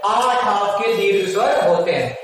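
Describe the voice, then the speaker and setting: High-voiced male teacher in an echoey room. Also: lively intonation, measured pace. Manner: sings out vowel sounds, asks and answers own questions. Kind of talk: classroom lesson. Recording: echoey room, far from mic.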